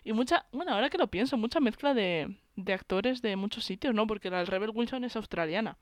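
Chatty and enthusiastic, this woman co-hosts a film podcast and reviews a movie with frequent laughter, speaking with an accent from Spain. Her mid-range voice is expressive and fairly quick. The recording is clean studio audio with no room sound.

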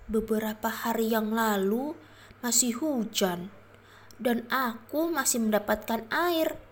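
A woman voicing a gentle, thirsty, wilting rose in a children's storybook tale, plaintive and concerned. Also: a little high.

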